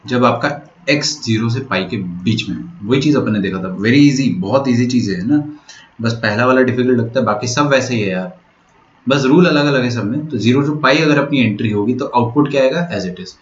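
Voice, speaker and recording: A man teaching maths in an online lecture, explaining step by step and often checking that students follow. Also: medium pitch. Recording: roomy, dull lo-fi sound.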